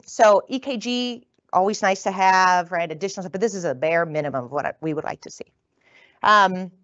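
A woman from the northern United States lecturing as a physician, talking fast and casually and often tagging her points with "right?". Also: on the low side, no room sound, dull audio. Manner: quick, conversational, tags lines with "right?". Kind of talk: continuing-education lecture. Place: lecture room.

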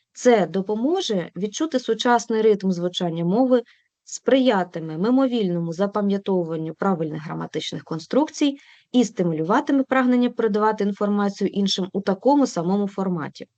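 A woman presenting an online language lesson in a measured, instructional way, clearly pronouncing each word and pausing now and then with a filler. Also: mid-range voice, a little mellow, no room sound, muffled recording. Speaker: lecturer in an online teacher training session. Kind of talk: instructional presentation, read from notes.

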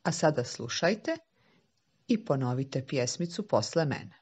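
A woman, a native Serbo-Croatian speaker, teaching small children slowly and simply as if reading to a toddler, with patient questions and repetition. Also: a bass voice, very animated, a little mellow, slightly rough. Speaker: English teacher for young children.

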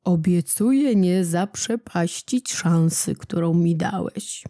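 Storybook prince on the run: noble, grave, slow and hushed, voiced by a woman narrator. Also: fairly low pitch, steady tone, husky, dry recording, studio quality. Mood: earnest. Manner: slow, earnest, often hushed.

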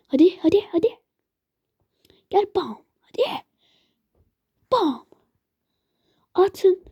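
A woman's voice: high voice, mellow, no echo, dull audio. A woman giving casual let's-play commentary as host, chatting to and pleading with game monsters as she plays. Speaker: gaming channel host.

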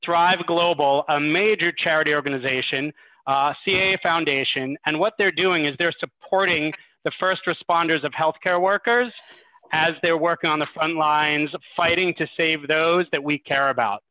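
A man with a fairly high pitch and a sharp tone speaks at normal speed as he makes announcements to viewers of an online charity event over a group video call from indoors. The recording is dry, and the video-call mic makes it sound dull and muffled.

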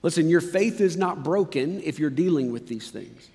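A man preaching a sermon as pastor, telling the story with lively swings from loud excitement to hushed, low passages, with casual fillers. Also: moderate pace, long reverb tail. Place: church auditorium.

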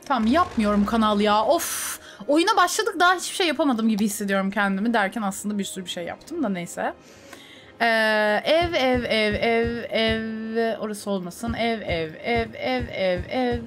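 A woman's voice: a little high, animated, normal speed, faint music behind. A young woman streamer chatting casually over a city-building game, talking to herself and her chat. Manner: chatty, talks to herself and to chat, with sudden laughing outbursts. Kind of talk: casual gameplay commentary.

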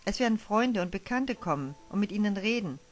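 A woman's voice: medium pitch, animated, a little fast, lightly acted. A woman reading a kind young night nurse. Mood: kindly. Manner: friendly, chatty comfort. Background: faint music.

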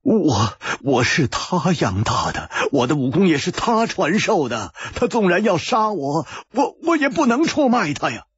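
A tormented young assassin, acted by a male storyteller, torn by loyalty and halting over his words. His voice is husky and breathy, and the dry recording sounds dull and muffled. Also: fairly high pitch, big pitch swings, fairly bright tone, dry recording, voice pushed up, exaggerated voice. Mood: anguished. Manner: halting, stammering. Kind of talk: pingshu storytelling.

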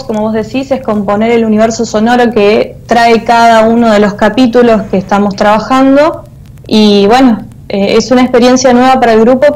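A woman in her thirties with an Argentine accent, a theatre artist and teacher, answers interview questions conversationally as a guest on a video call. She speaks through an earphone mic, her voice on the high side with a darkish tone, and the recording quality is low.

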